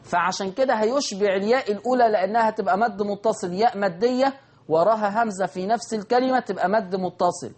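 A man with an Egyptian Arabic accent teaching Quran recitation rules, answering imagined student questions and chanting verses slowly. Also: high-pitched, a little mellow. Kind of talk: televised recitation lesson.

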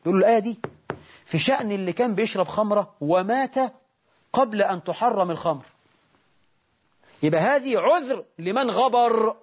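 A man with an Egyptian accent giving a religious lesson, reading classical texts and breaking into lively colloquial explanations. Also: high voice, a little fast, pauses often, breathy edge. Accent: Egyptian Arabic. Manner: animated, dramatizes quotes, Egyptian asides explaining classical text. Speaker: religious teacher. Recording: dull lo-fi recording.

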